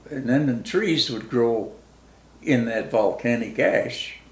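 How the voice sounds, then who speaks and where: An elderly male veteran reminisces in a roomy, echoing space. His voice is gravelly and full of fry, with a rural American Midwestern accent. He remembers things haltingly, in plain, folksy words. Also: medium pitch. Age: very old, 90s. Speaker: war veteran being interviewed. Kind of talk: casual reminiscing interview. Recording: roomy, echoing interview recording.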